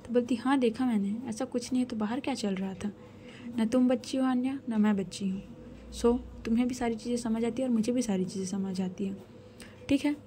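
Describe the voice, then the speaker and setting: A woman's voice: fairly high pitch, fairly quick, mellow, a little hiss or hum, lightly acted. A woman voicing a strict middle-aged mother who scolds her daughter firmly. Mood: scolding. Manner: scolding, firm and commanding.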